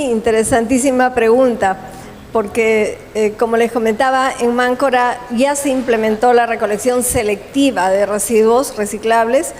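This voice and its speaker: A woman with a fairly high voice speaks at a conference, explaining steadily and pausing to correct herself. Her voice carries a long hall reverb, with faint ambience behind it. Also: darkish tone, slight background noise. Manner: measured, explanatory, with pauses and self-corrections. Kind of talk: conference presentation and Q&A answer.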